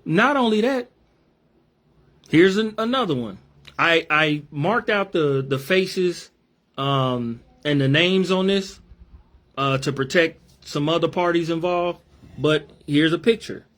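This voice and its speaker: A man with a high, bright-pitched voice reads screenshots aloud and breaks off to comment on them. He hammers his points home, says things twice, and drops into casual slang as a religious commentator addressing his viewers. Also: slow pace. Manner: emphatic, repeats himself, casual slang. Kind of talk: reading out messages with commentary.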